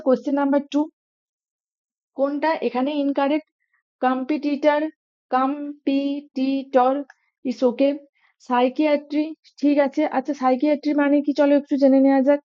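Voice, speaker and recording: High-voiced woman teaching spelling. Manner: spells words letter by letter, mixing in English. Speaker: exam prep teacher. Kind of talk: spelling lesson. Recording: dull lo-fi audio.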